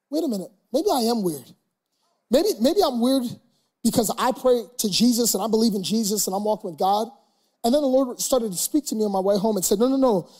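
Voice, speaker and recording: A young man preaching a sermon, telling a funny story and building to loud shouted preaching. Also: extremely high pitch.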